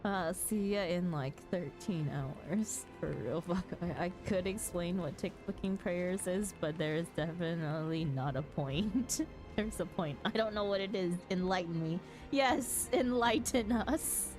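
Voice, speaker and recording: Her pitch fairly low and her pace a little slow, a woman livestreams a game and chats with viewers in an easygoing, casual manner. Music runs behind her voice.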